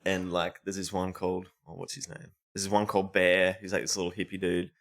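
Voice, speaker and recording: A man's voice: sits low, completely flat delivery, a little fast, fairly bright tone. A young man co-hosting a podcast, telling a story in loose, swearing banter and laughing at his own jokes. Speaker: podcast co-host.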